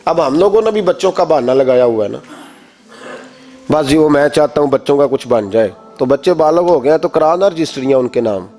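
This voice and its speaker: A man's voice: a little high, lively intonation, dark tone. A man delivering an impassioned Urdu sermon with a Pakistani accent, telling stories and acting out the voices of the people in them. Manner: impassioned storytelling, acts out quoted voices. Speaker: preacher.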